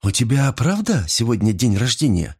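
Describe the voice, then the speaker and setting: A man's voice: mid-range voice, big pitch swings, moderate pace, husky. A man voicing a young woman bartender who teases her customers in a dry way. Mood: teasing. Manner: teasing, dry.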